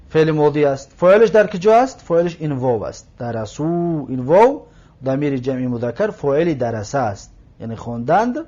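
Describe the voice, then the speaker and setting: A man teaching an Arabic grammar lesson in Persian, explaining slowly, repeating words and checking that listeners follow. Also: fairly high pitch, a little mellow. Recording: dull lo-fi recording.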